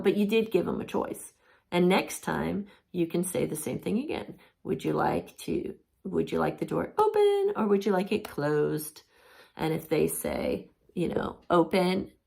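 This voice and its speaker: A woman's voice: fairly low pitch, vocal fry. A woman teaching a parenting course in a chatty, casual way, with many fillers, acting out what a parent would say.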